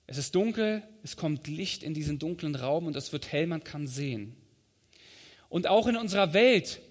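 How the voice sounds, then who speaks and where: A man preaching a sermon in a calm, measured way, giving weight to the scripture quotes he reads out. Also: a little high. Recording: long hall reverb.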